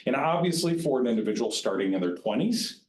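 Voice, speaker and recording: A man's voice: mid-range voice, lively intonation, quick pace, a little hiss or hum. A man advising county staff on retirement plans in a plain-spoken, conversational way. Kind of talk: informal educational presentation. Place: county board meeting room. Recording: roomy meeting-room echo.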